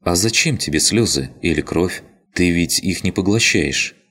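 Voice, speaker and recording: A weary young woman facing her fate, as a male reader voices her. She sounds tired, resigned and quietly wry, lifted above a very deep natural voice. A story heroine who has stopped being afraid. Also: animated, normal speed, breathy edge, full character voice. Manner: tired, resigned, wryly sad.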